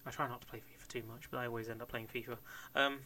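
Bright-toned man chatting. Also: medium pitch, flat delivery, rapid-fire, slight background noise. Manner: rambling, swears, laughs often. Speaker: podcast co-host. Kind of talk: casual chat.

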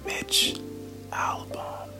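A podcast host reading a novel aloud entirely in a hushed, unvoiced whisper, delivering the passages evenly. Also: over music. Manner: slow, hushed, even delivery of book passages.

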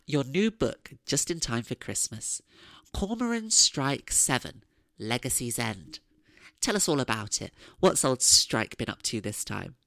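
A woman's voice: a bass voice, sing-song, measured pace, vocal fry, fairly bright tone, dry recording, exaggerated voice. A woman playing a polite, gushing radio chat show presenter in a comedy parody.

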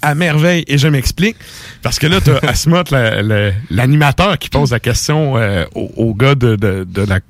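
A man with a Québécois accent chats casually as a podcast co-host, spinning animated, rambling stories. His voice sits mid-height and is recorded dry and close. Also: mid-range voice, moderate pace, no echo. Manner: animated, colloquial storytelling with frequent fillers. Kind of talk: casual chat.

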